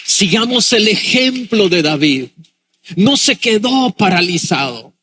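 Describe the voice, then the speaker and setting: A man, a pastor, preaching a sermon with dramatic pauses and acted-out quotes. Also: high-pitched, sing-song, bright, forceful tone, a little hiss or hum.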